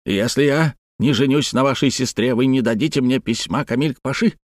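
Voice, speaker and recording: A man's voice: mid-range voice, fairly quick, no room sound, clean studio sound, natural voice. A man voicing an old sea captain in a storybook reading, blunt and grudging. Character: gruff old male sea captain, obsessed with treasure.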